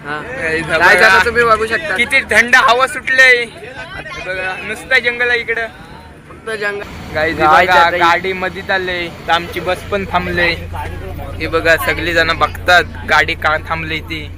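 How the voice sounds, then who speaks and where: A man's voice: high voice, normal speed, a crowd in the background. A young man narrating a casual vlog, chatty and pointing things out to his viewers. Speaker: vlogger. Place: inside a moving bus. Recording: phone recording in a noisy, crowded bus. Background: chattering passengers on the bus.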